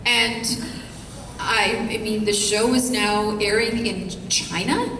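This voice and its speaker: A woman's voice: medium pitch, slow. Middle-aged woman, gushing panel guest, heard from afar in a big echoey hall with crowd noise. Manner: gushing, animated. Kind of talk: panel answer. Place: large convention hall. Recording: echoey hall, distant mic, noisy.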